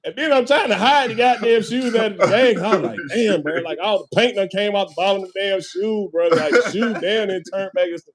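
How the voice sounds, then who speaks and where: A man's voice: high voice, fairly quick, few pauses, over a noisy crowd. Laughing, swearing man telling a story. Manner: profane, laughing storyteller full of "man" and "bro". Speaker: podcast host. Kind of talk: casual storytelling chat.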